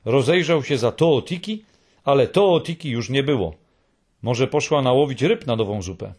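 Male narrator for a storybook; husky, animated delivery with lots of pitch movement. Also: moderate pace. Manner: expressive reading.

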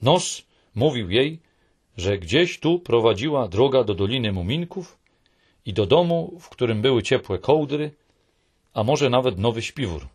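Husky male audiobook narrator, lively animated reads. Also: medium pitch, a little slow. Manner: expressive storytelling, lingering on soft phrases.

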